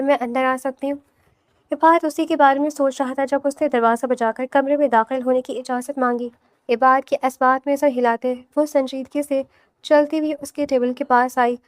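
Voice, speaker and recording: A woman reads a romantic novel aloud in scripted audiobook narration, soft and steady. Her voice sits high, and the recording is close and dry with no room sound. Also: no room sound.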